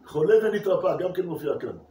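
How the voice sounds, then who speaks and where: A man, a rabbi, giving a lively Torah class to his congregation, asking rhetorical questions and repeating words for emphasis. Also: high-pitched, slight background noise. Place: synagogue hall. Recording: echoey room from a distance.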